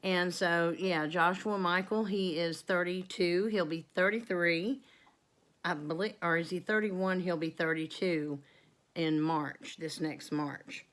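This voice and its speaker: A homestead vlogger from North Carolina, a woman in her fifties, speaks directly to the camera in a drawl. Her voice is lowish, steady, and slightly bright as she meanders through a laid-back Q and A, padding pauses with ums and drifting into side comments.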